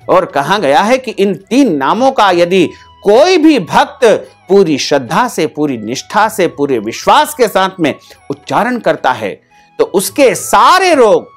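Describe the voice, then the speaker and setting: A man's voice: sits high, big pitch swings, unhurried, soft background music. A man as a spiritual teacher giving a devotional discourse, repeating phrases in a rhythmic, listing cadence. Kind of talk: devotional discourse with mantra chanting.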